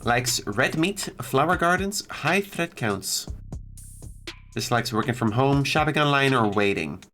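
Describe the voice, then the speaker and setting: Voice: mid-range voice, animated, measured pace, a bit bright. A streamer giving casual, wry playthrough commentary and reading game text aloud, with irreverent asides. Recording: music playing behind the voice.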